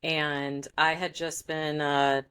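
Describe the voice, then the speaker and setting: A woman's voice: low-pitched, little pitch movement, slow pace, a bit bright, clear, resonant tone. A woman guest on a podcast, an author, chatting casually with frequent laughs and fillers.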